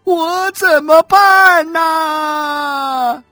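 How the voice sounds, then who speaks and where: An audiobook reader voicing a wronged mother who wails her grievances, sobbing and dragging out each phrase over soft music. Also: extremely high pitch, no room sound, voice pushed up, full character voice. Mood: wailing lament. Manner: sobbing, drawn-out lament. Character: wailing wronged mother, shrill and self-pitying. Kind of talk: audiobook character voice.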